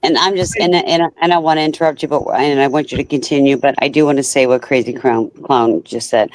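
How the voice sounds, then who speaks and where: A man's voice: mid-range voice, steady tone, fairly quick, poor audio. A man chatting casually, chiming in with teasing remarks. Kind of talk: casual chat.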